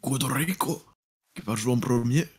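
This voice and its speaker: A man's voice: mid-range voice, expressive, normal speed, gravelly, breathy edge, no echo. A man playing in a tabletop game, making wry, jokey remarks. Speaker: player. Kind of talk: casual tabletop banter.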